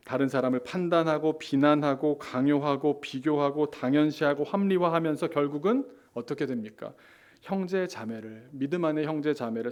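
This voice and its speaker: Pastor, middle-aged man, slightly high voice, preaching; breaks into loud mock scolding. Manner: acts out scolding voices with sudden loud outbursts. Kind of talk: sermon.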